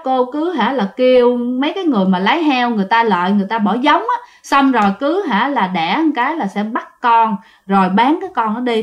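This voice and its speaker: Lively woman storyteller. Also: a little high, dull audio. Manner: chatty, addresses listeners directly. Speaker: ghost story narrator. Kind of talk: storytelling of listener-sent ghost tales.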